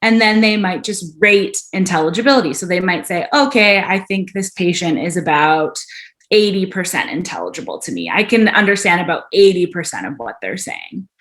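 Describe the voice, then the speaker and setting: A woman speech-language pathologist explaining clinical speech tests in a webinar lecture, with a clear teacherly manner and frequent ums. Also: lowish voice, lively intonation, normal speed, a bit bright.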